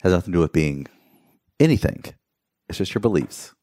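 A man from North Carolina with a low voice speaks fairly quickly as a guest in a casual interview. He tells profane stories animatedly, acting out what people said.

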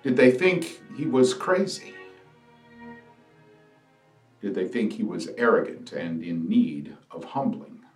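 A man reading a Good Friday scripture passage and leading prayers in a slow, deliberate, solemn way. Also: on the low side, sing-song. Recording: echoey room, voice from a distance, soft music behind.

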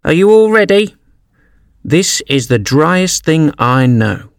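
A man's voice: a little high, very animated, takes it slowly, gravelly, smooth, no room sound, clean studio sound, voice pushed up, exaggerated voice. A man voicing a self-important male mouse who lectures primly and crossly. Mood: pompous.

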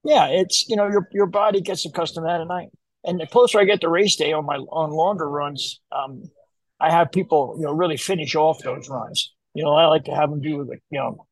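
Older man, higher-pitched, close dry sound. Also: dry recording, rough recording. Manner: rambling, repeats phrase openings. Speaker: running coach. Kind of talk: casual interview talk.

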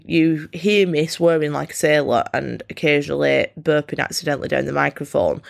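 A woman hosting a solo self-help podcast, talking candidly and encouragingly in a croaky, froggy voice with a congested nose. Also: low-pitched. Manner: candid, informal, encouraging, swears freely. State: congested, snotty nose from a cold. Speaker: podcast host.

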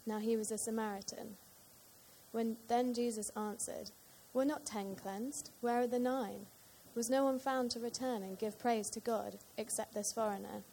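A woman reading a Bible passage aloud in church at a steady, even pace. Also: on the high side, moderate pace, a little hiss or hum. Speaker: scripture reader.

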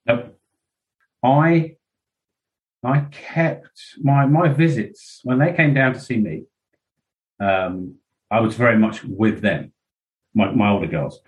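A man's voice: medium pitch, takes it slowly, long pauses, highs cut off. A middle-aged man, a podcast guest speaking frankly and at length, rambling with many fillers and asides. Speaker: interview guest. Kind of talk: candid podcast conversation.

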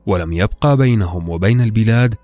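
A man's voice: lowish voice, quick pace, mellow. A man reading a scripted classical folktale as a formal, literary storyteller. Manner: formal literary storytelling, acting out quoted dialogue. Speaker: storytelling podcast narrator. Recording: dry recording with music underneath. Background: music.

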